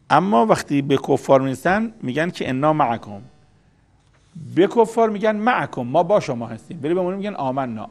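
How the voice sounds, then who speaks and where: Gravelly-voiced man teaching scripture. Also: on the high side. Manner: explanatory, repeats key words. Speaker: Quran commentator. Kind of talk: religious lecture.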